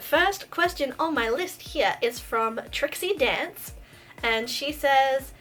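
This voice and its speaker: A woman's voice: a little high, fairly bright tone. An Australian woman in her thirties chatting bubbly and giggly through a casual Q and A vlog in a bedroom full of plush toys. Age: 30s. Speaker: vlogger.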